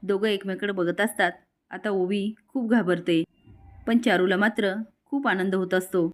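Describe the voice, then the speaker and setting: A woman recapping a television serial episode at an even, mid-range pitch. Her delivery is steady storytelling, and she reads the quoted lines in with the narration. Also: normal speed.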